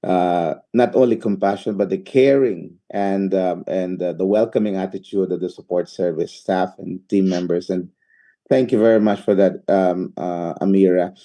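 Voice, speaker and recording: A man with a low, very dark, mellow voice hosts the interview. He asks long questions slowly, stumbling over repeated words and many uhs. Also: steady tone. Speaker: interview host.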